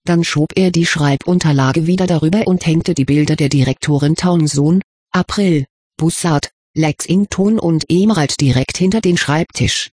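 An audiobook reader telling a fantasy story in a steady storytelling manner. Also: medium pitch, normal speed, slightly rough, no echo, clean studio sound. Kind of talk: reading fan fiction aloud.

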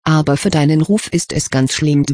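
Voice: mid-range voice, moderate pace, a little mellow, no echo, studio quality, close to an everyday voice. Reader doing cheeky teasing schoolboy. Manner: cheerful, teasing. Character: cheeky teenage boy, teasing. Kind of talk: audiobook reading.

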